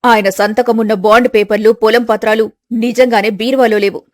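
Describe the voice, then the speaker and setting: A woman narrating a scripted family story for an animated video. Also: a little high, normal speed, no room sound. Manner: steady storytelling.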